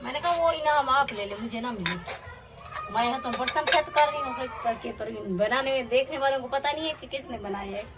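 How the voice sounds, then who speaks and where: A woman's voice: high-pitched, a little fast. A woman bantering firmly with her family in a home kitchen. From Pakistan. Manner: firm, dismissive refusals. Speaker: host's wife. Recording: noisy home audio.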